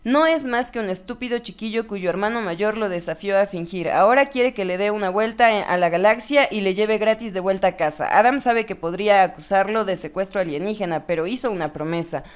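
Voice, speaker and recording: A woman's voice: mid-range voice, fairly quick, few pauses, clean tone. A woman gives playful, giggly let's-play commentary, reading game text aloud and often correcting herself. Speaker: gaming video host.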